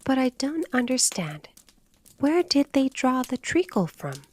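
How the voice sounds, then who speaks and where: A woman's voice: high voice, very animated, a little slow, a little mellow, pitched above the performer's own voice, heavily acted. A woman voicing a polite, earnest young girl in a storybook reading. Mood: polite curious. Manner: humble, earnest.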